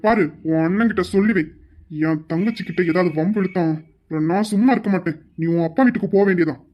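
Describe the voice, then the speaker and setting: A woman's voice: on the low side, fast talker, dull audio, close to an everyday voice. A woman doing a curt, angry young husband. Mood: scolding. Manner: sharp scolding. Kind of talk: amateur audio drama.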